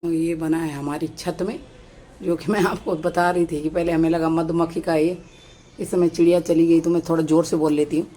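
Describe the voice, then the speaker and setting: A woman from Uttarakhand with a Pahadi Hindi accent, vlogging from her sunny rooftop balcony on a phone camera, keeping her voice low and soft so she does not scare the birds. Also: fairly even intonation, normal speed, slight background noise. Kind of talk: casual vlog narration. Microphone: phone camera held by the speaker.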